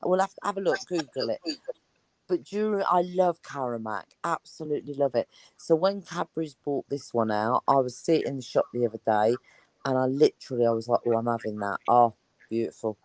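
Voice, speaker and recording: A woman's voice: extremely low pitch, expressive, a little fast, darkish tone, no room sound, rough recording. Chatty woman with a dry voice. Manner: chatty, rambling, enthusiastic. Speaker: guest on an online chat show. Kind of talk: casual chat.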